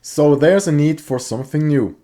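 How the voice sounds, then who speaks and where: Slightly high in pitch and mellow, a Swiss-accented man who doesn't speak English natively walks viewers through his gecko setup in a careful, scripted voice-over. A hobby gecko keeper and maker, he keeps his delivery plain, stumbling over some phrases.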